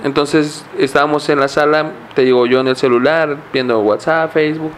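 Young man, Mexican accent, podcast co-host, casual storytelling, slang-heavy rambling, slightly high voice. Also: fairly even intonation, normal speed, a little hiss or hum. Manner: rambling, full of fillers and slang.

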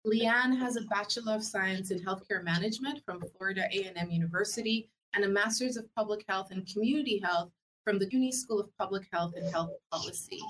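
A woman hosting an interview show in a measured, deliberate style. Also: medium pitch, a bit bright, a little hiss or hum, rough recording.

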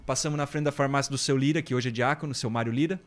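A man from Brazil, a priest, telling a childhood story in a lively, casual podcast chat and mimicking the people in it. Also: medium pitch, fast talker. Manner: lively anecdotes, mimics voices and laughs often.

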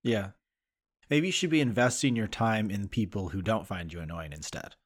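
A man's voice: on the low side, normal speed. Man co-hosting a rambling chat. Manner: rambling with fillers and soft laughs. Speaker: podcast co-host. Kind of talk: casual chat.

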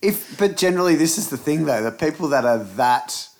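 A man in casual conversation, relaxed, swearing and asking questions back. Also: fairly high pitch, a little fast. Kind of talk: casual chat.

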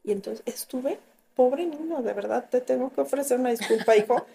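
A middle-aged woman with a Mexican accent, telling lively stories about motherhood in a casual group chat and acting out what she once said. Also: high-pitched, a little fast, gravelly. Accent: Mexican Spanish. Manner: animated storyteller, acting out her own past lines.

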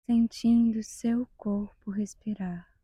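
A Brazilian woman's slightly high, soft voice guides a meditation in a breathy half-whisper. Her tone is calm and soothing, with long, measured pauses, and the audio carries no echo.

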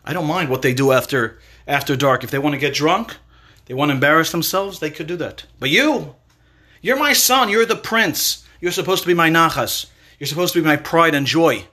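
A man's voice: on the high side, brisk. A man voicing a stern king who scolds his son in a told parable. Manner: calm to servants, roaring at his son. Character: stern angry king, father of a prince.

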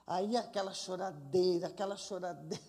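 A woman's voice: lowish voice, moderate pace, slightly rough. A woman preaching a sermon in a church, telling stories emphatically and calling out to the congregation. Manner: emphatic, animated, calls out to the congregation. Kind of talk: sermon with storytelling. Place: church sanctuary. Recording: long church hall reverb.

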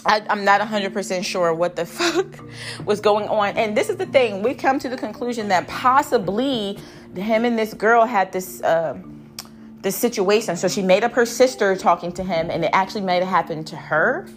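A woman telling a wild story in a casual vlog, animated and profane, laughing as she goes. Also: medium pitch, normal speed, faint music behind.

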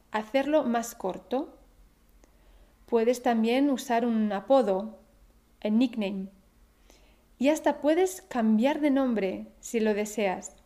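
Woman teacher, slow deliberate podcast delivery, mellow tone, careful clear diction. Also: on the high side. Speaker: Spanish teacher. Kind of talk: podcast lesson.

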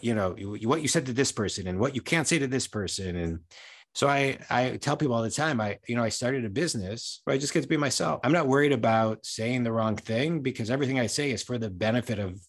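A man talking casually as a podcast guest, telling anecdotes in a conversational way. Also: lowish voice. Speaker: podcast guest, business coach and speaker.

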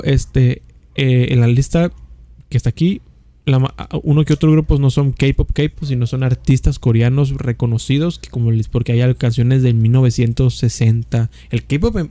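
Male podcast co-host, northern Mexican accent, relaxed dark tone, slangy, repetitive, wandering casual talk. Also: medium pitch, dry recording. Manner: slangy, rambling, repeats himself. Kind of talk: casual chat.

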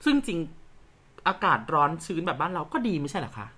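A young woman from the Korat region co-hosting a casual podcast chat, playful and teasing, explaining things calmly. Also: low-pitched, fast. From Korat region, Thailand. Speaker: podcast co-host, actor.

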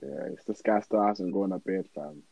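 Gravelly teenage lad with London roadman accent. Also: deep voice, normal speed, dark tone, highs cut off. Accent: London, urban roadman slang style. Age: seventeen. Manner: slangy London roadman way of talking. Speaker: podcast co-host. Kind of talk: casual banter among friends.

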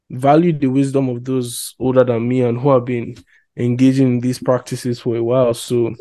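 A young man talks through his thoughts slowly, hedging with fillers as he works out what he means. His voice is mellow and soft-edged. The recording is dry and close, with no room sound. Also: medium pitch, no room sound. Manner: reflective, hesitant, thinks aloud with many fillers. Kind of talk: casual chat.

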